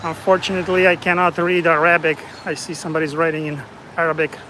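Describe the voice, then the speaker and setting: Man from Romania, fairly high voice, relaxed walking vlog, outdoor street noise. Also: quick pace. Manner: relaxed, chatty, remarks on passersby. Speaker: independent street reporter. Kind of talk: casual walking vlog narration.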